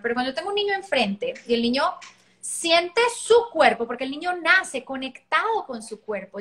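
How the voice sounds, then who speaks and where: A woman, a parenting educator talking on a live stream, lively and acting out little quotes. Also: high voice. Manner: lively, acts out child and parent voices.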